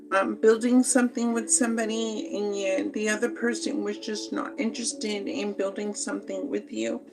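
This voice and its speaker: A woman giving a slow, meandering spoken tarot reading, with many fillers and pauses. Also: mid-range voice, rough recording. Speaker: tarot reader.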